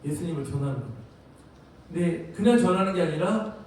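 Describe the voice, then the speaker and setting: A man's voice: fairly high pitch, brisk, darkish tone, a little hiss or hum. A man preaching a youth sermon, talking to teens in a conversational way and telling stories before a closing prayer. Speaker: youth pastor. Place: large church sanctuary. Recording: very echoey hall, from a distance.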